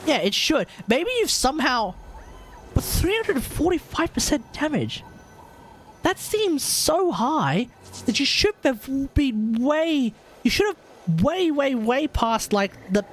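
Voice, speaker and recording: A game streamer rambles casually through builds, sounding incredulous and swearing freely during the livestream chat. The voice is mid-range, with a little hiss or hum in the audio.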